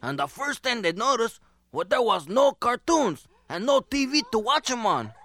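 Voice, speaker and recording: A male comedian telling a rambling, deadpan parody of a fairy tale. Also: very high-pitched, normal speed, no room sound, studio quality. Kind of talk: comic storytelling routine.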